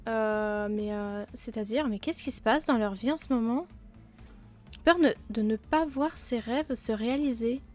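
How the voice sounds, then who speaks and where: A woman's voice: on the high side, unhurried, soft background music. A woman hosting a game let's play, talking casually and self-mockingly with many fillers, sick with a blocked nose and sore throat.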